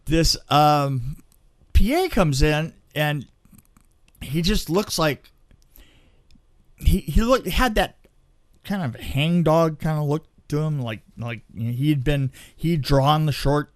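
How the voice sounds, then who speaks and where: On a podcast, a higher-voiced man who has long worked on film crews tells anecdotes in an animated, informal, halting manner.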